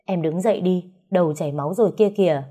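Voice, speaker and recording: A cold, weak-willed young husband read by a woman in a storybook tale. His voice is low and mellow, with a flat, reluctant delivery. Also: fast talker, breathy edge.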